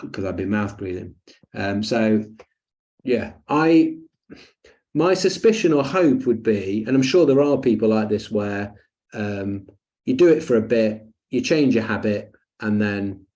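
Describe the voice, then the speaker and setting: A breathing coach with a low, dark-toned voice runs a webinar on breathing. He keeps it chatty and jokey, full of fillers and asides.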